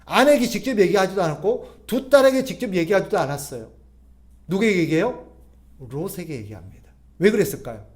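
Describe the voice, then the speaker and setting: A man delivers a sermon in a fairly high, very animated voice. He keeps putting rhetorical questions to his congregation, pushing his stressed points up loud and then letting the answers fall away quietly. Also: a little fast. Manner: rhetorical questions to the congregation, swinging between loud emphasis and soft drops. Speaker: pastor.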